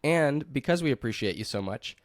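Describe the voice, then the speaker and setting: Man co-hosting a relaxed podcast chat. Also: mid-range voice, a little fast, dry recording, clean studio sound. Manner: relaxed, laughs often, leads the talk. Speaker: podcast co-host. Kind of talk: casual chat.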